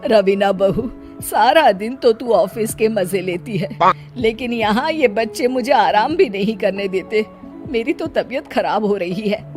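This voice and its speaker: A woman's voice: mid-range voice, lively intonation, a little slow, darkish tone, soft background music, close to an everyday voice. A woman voicing a nagging old mother-in-law. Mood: complaining. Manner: scolding, complaining. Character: older mother-in-law, nagging, sharp-tongued.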